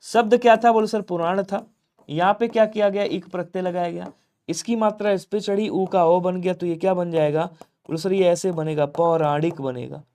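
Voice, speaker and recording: A man from Lucknow, India, teaching a live online exam-prep class. He asks questions and answers them himself, and keeps urging viewers to comment quickly. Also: sits high, fairly even intonation, warm tone. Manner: drills answers by asking and answering his own questions. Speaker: Hindi teacher.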